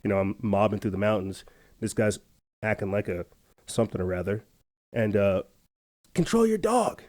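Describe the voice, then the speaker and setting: A man's voice: on the low side, flat delivery, normal speed, darkish tone. A man hosting a podcast, telling a casual story in a rambling, chatty way with lots of fillers and restarts. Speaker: podcast host.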